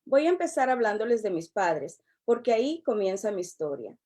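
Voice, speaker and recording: A middle-aged woman, a relationship coach giving a prepared personal testimony in a measured, earnest way. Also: mid-range voice, big pitch swings, warm tone. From El Salvador. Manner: measured, earnest, unhurried delivery.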